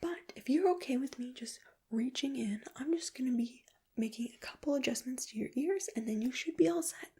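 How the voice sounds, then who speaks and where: A woman performs a whispered role-play as an examiner giving personal attention. Her voice is very breathy and airy, soft and mellow in tone. She sounds gentle and reassuring, and sits a little high in pitch. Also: brisk. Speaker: ASMR performer playing an ear examiner.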